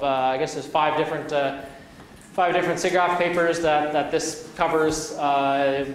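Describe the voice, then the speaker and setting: A man lecturing in a big echoey hall, caught from some way off the mic. His voice sits a bit high for a man. He stumbles, repeats words and fills pauses with "uh" as he explains. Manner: halting, many restarts and fillers. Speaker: university lecturer. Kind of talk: academic lecture. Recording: echoey hall, from far off, faint noise.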